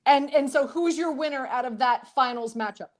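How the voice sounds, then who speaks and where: Female host, higher pitch, brisk and steering, sports betting show. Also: a loud crowd. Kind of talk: hosting a sports betting panel.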